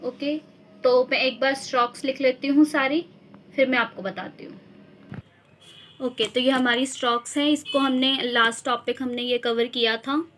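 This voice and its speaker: A young woman teaching shorthand, slowly repeating each sound and example word to drill it. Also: high voice, fairly even intonation, fairly bright tone, a little hiss or hum. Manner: slow, repeats sounds and words to drill them. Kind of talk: instructional explanation.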